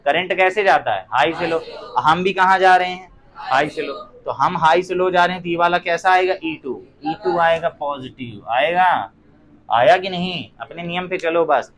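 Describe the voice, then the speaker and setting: High-voiced male physics teacher lecturing a class. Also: moderate pace, a bit bright. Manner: quizzing students with frequent rhetorical questions; joking asides. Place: classroom with students.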